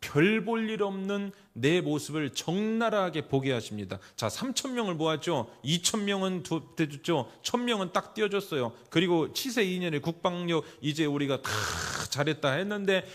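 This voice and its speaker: A middle-aged man preaching a sermon in a church, emphatic, putting rhetorical questions to the congregation and swinging between loud exclamations and quiet asides. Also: high voice, animated, moderate pace, hardly any pauses. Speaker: pastor. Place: church sanctuary.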